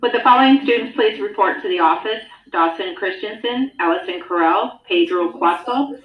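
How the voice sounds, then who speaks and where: Woman over the school intercom, reading an announcement, slow even list of names, muffled speaker, echoey classroom. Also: medium pitch. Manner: reads a list of names slowly and evenly. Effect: over the school intercom loudspeaker. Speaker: school office staff. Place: school classroom, heard through a wall speaker.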